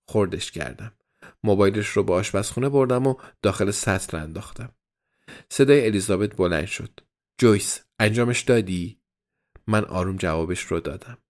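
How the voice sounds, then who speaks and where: A man with a fairly low voice reads a novel aloud as a first-person diary. His delivery stays even and measured, a steady storyteller's pace through the entries. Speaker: audiobook narrator.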